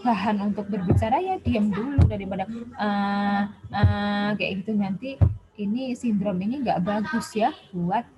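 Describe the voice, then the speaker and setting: A woman gives a relaxed spoken lecture, chatting along with plenty of fillers. Her voice sits at a middling pitch for a woman. The recording is dull and muffled, like a basic lo-fi voice memo. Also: normal speed, music in the background. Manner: chatty, with many Javanese-flavored casual fillers. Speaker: health education lecturer.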